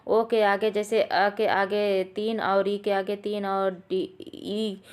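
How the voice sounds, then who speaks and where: A woman's voice: mid-range voice, level tone, takes it slowly, clean tone. A woman teaching a Sanskrit exam lesson, patiently explaining and repeating key points while addressing viewers as friends.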